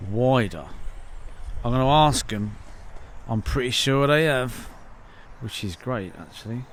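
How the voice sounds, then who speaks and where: A man's voice: medium pitch, lively intonation, unhurried. A man chatting casually as he films remote control car racing outdoors at a track, thinking aloud as he goes. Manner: chatty, informal, thinking aloud while filming. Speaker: RC channel host at a race track. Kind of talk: casual vlog commentary. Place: outdoor RC race track in the evening. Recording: noisy outdoor camera audio. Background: RC cars and track ambience.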